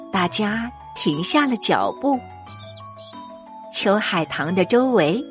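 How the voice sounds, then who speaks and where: A woman narrating a scripted story for young children as a storyteller. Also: mid-range voice. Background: music.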